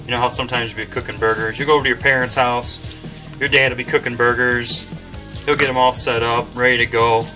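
A man's voice: mid-range voice, flat delivery, fast, over music, rough recording. Rambling, cussing man cooking at home. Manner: rambling, swears freely, many ums and uhs. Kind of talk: casual talk to camera while cooking. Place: home kitchen, indoors. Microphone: webcam camera mic.

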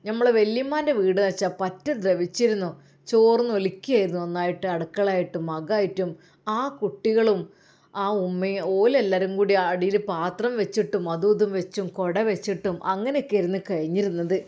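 Woman storyteller, homely, warm narration. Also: mid-range voice, a little fast.

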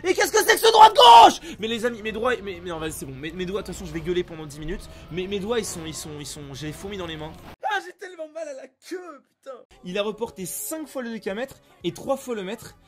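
A man streaming live gameplay, commenting excitably, often swearing and yelling at the game. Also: sits high, fast talker, faint music behind.

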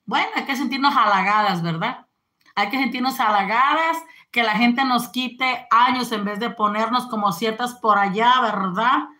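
A woman's voice: a little high, normal speed, sharp tone. A woman, chatting casually on a live stream and greeting viewers. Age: 40s.

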